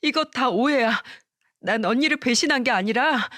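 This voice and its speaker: A woman's voice: fairly high pitch, normal speed, a bit bright, dry recording, clean studio sound, voice pushed up, lightly acted. Woman voicing a pleading guilty younger sister. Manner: pleading, anxious.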